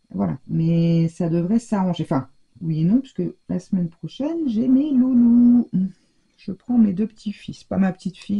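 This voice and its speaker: An older woman talks viewers through a craft project at home in a chatty way, thinking aloud as she goes. Her voice is very dark, husky and gravelly. The recording sounds dull and lo-fi. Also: lowish voice. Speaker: scrapbooking vlogger. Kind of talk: casual crafting tutorial chat.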